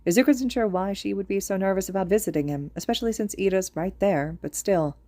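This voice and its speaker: A woman reading fan fiction aloud in a steady storytelling manner. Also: medium pitch, quick pace, dry recording. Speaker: podfic reader. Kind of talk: audiobook narration of fan fiction.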